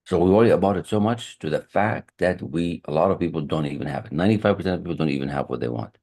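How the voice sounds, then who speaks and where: This male high performance coach talks fast in a low, warm voice during a motivational lesson held in an online meeting room and picked up by a computer mic on a video call. Earnest throughout, he repeats key phrases and often restarts his sentences.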